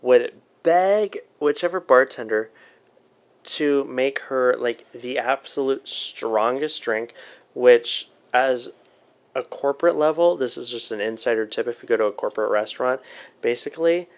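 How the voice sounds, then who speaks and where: A man's voice: medium pitch, unhurried, smooth. A man talking as a podcast guest in loose, casual chat, swearing now and then.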